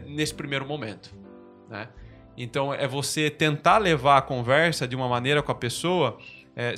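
A Brazilian man hosts a relaxed podcast chat in a bright, forceful voice that sits a little high. He works through his points with examples, restarting sentences and checking in with "né?". Soft music plays faintly underneath. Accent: Brazilian Portuguese. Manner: explains with examples, many restarts and "né?" tags. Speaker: podcast host. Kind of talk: casual podcast discussion.

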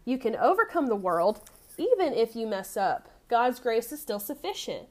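A woman's voice: a little high, big pitch swings, normal speed. A woman giving an earnest devotional message and then praying aloud, repeating words as she goes. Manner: earnest, repeats words, addresses God directly. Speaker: preacher. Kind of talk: devotional sermon and prayer.

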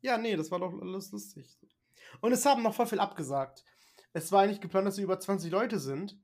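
Young adult podcast co-host, relaxed rambling delivery, mid-pitched voice. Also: quick pace. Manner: relaxed, rambling, many fillers and restarts. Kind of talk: casual chat.

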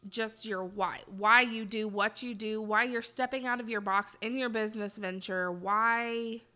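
Bright, higher-voiced woman, candid. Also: steady tone, measured pace. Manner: candid, salty, conversational. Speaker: podcast co-host. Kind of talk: casual chat.

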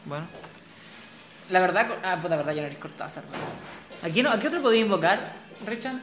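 A man's voice: high-pitched, lively intonation, a little fast, a bit bright, slight background noise. A young Chilean man bantering in a comedy sketch, rowdy and teasing, swearing casually. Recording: roomy echo, music behind.

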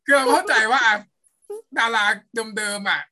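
A co-host in a casual chat, tossing in quick teasing reactions. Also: mid-range voice, expressive, crowd noise. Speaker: podcast co-host.

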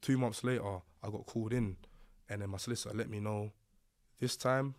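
A man's voice: on the low side, steady tone, fairly quick, a little mellow. A man with a London accent and roadman slang, telling his own story casually as a podcast guest.

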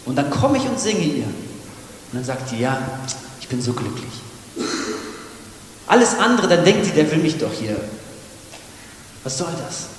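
A pastor with a northern German accent preaching a sermon in a church hall, urging loudly at times and dropping to a hush at others. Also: male voice, a little high, big pitch swings, moderate pace, long pauses. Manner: impassioned preaching that swings between loud urging and hushed, soft passages. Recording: echoey reverberant church hall with faint noise.

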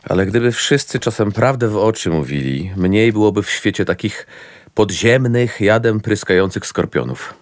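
An actor playing Ernest, a witty, outspoken young gentleman in debt, in a radio play. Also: lowish voice, animated, moderate pace, no room sound, studio quality, natural voice. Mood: earnest.

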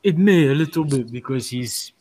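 A man co-hosting a casual football podcast, talking haltingly with many restarts and fillers. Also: medium pitch, animated, a little mellow, poor audio. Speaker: podcast co-host.

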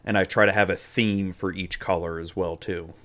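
A man's voice: sits low, steady tone, normal speed, a bit bright. A man co-hosting a casual podcast chat, laid-back and joking, often trailing off with fillers. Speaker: podcast co-host. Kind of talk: casual chat about a card game.

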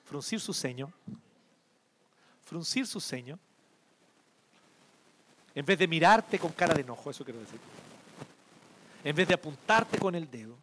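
Expressive high-voiced male pastor, Chilean. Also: unhurried, pauses often, a little hiss or hum. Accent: Chilean Spanish. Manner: expressive, swings between loud emphasis and hushed tenderness. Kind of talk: sermon.

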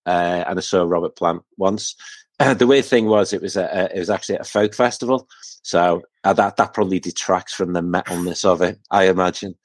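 Casting: man with a very low voice, modest and stumbling, dry close sound. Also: fairly quick, no echo. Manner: self-deprecating, stumbling restarts. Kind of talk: casual chat.

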